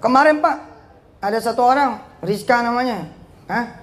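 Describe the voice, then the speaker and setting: A man giving a joking, animated motivational sermon in casual slang. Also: extremely high pitch, moderate pace. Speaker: preacher.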